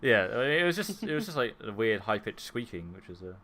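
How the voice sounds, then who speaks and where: A man's voice: lowish voice, very animated, fast, pushed and bright, a little hiss or hum. A young man co-hosting a casual chat about their game, easygoing, with frequent laughs and hesitant fillers. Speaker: co-host playing the game. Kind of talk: casual chat over gameplay.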